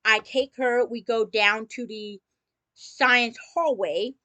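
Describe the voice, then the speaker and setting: A woman's voice: on the high side, steady tone, takes it slowly, bright, forceful tone, no room sound, highs cut off. A woman telling a personal story in a casual vlog, opening with a theatrical greeting and dropping sarcastic asides.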